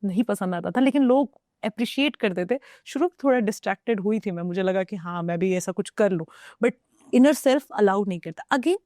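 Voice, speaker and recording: A young woman from northern India talks through her own experiences in a reflective, easygoing way. She switches between Hindi and English in the middle of her sentences. Her voice sits at a medium pitch and sounds dry and close to the mic. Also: expressive, brisk, darkish tone, no room sound. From Uttar Pradesh, India. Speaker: guest. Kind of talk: casual conversation.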